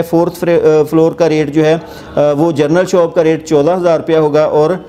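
A man in his forties with a Pakistani Urdu accent hosts a property channel from an office, explaining a project's rates to camera with frequent pauses. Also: a little high. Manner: hesitant, many filler sounds, steady explanatory tone; seated, gesturing with hands while reading notes. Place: indoor office with armchair. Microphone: lapel mic.

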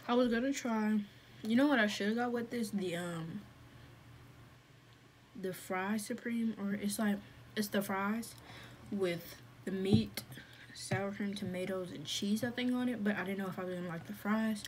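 A woman's voice: medium pitch, unhurried. A woman chatting casually through a mukbang vlog, talking while she eats with her mouth full. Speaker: food vlogger. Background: faint fan hum.

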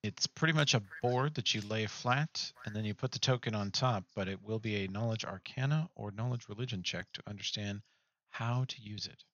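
Man, game master, fairly low voice, casual tabletop narration. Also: fairly quick, a bit bright, no echo, highs cut off.

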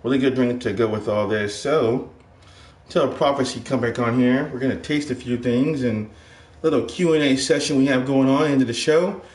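A man's voice: mid-range voice, normal speed, darkish tone. A middle-aged man from Ohio hosting a casual home cooking show, chatty and upbeat, calling his viewers guys, filmed by a far camera in a kitchen. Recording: echoey kitchen with music behind.

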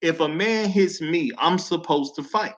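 A man's voice: fairly high pitch, measured pace, a bit bright. A man hosting a panel, making firm, declarative points in opinionated talk. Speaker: host. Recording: dull lo-fi audio.

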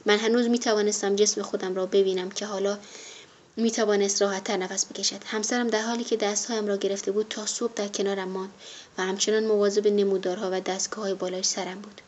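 A woman narrates a first-person audiobook at a measured, even pace, her voice sitting in a plain middle register. The audio is dull and lo-fi, with a faint hiss running underneath. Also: medium pitch.

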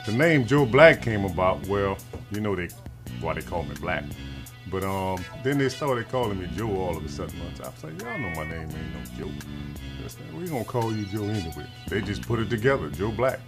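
A man's voice: fairly low pitch, sing-song, a little fast, music in the background. A man in his forties from New Orleans, a barber and shop owner, telling his story in a casual, slangy documentary interview in his barbershop. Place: barbershop, indoors.

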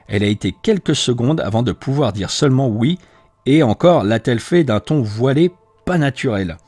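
A man reading a novel aloud as audiobook narration, in an expressive, varied way. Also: mid-range voice, moderate pace, husky, no room sound. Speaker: audiobook reader.

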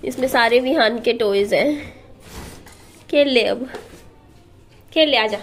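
A woman's voice: on the high side, slow, a little hiss or hum. A young woman vlogging at home as a mother, chatting to viewers and coaxing and scolding her child. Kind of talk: casual home vlog chat.

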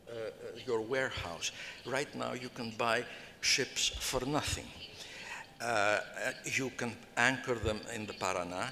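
A man's voice: mid-range voice, gravelly, bright, forceful tone. An older man speaking as a conference panelist, rambling with many fillers and restarts, into a table mic in a large hall. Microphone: table microphone. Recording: reverberant hall, faint noise.

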